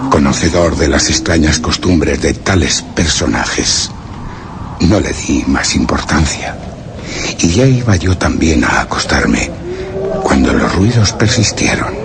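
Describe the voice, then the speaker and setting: In a very noisy radio drama recording, a grave male expedition survivor tells of a dreadful journey in a heavily acted, very deep and gravelly voice. The mood is ominous and fearful, and he speaks in a measured, formal, foreboding way. It's solemn literary horror narration.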